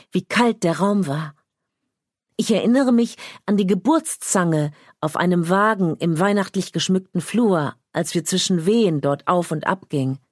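A woman narrating a first-person literary story in a quiet, measured, intimate reading. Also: on the low side, dry recording, clean studio sound. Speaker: audiobook narrator.

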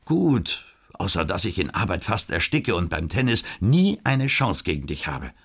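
A man reading an audiobook and voicing a defensive, overworked male friend on the phone, husky and grumbling. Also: deep voice, very animated, normal speed, a bit bright, pitched above the performer's own voice, exaggerated voice. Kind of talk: audiobook character voice.

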